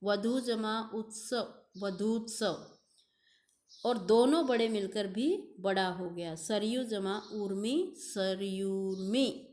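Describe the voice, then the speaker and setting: A woman's voice: mid-range voice, takes it slowly, a little mellow. A woman teacher giving a recorded grammar lesson, drawing out examples and repeating key terms.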